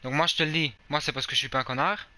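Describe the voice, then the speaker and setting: Bright, smooth Belgian man lecturing. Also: on the high side, steady tone, very fast. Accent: Belgian French. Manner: firm, lecturing, stammers at the start of sentences. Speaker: gamer confronting an abusive player. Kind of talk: casual online voice chat.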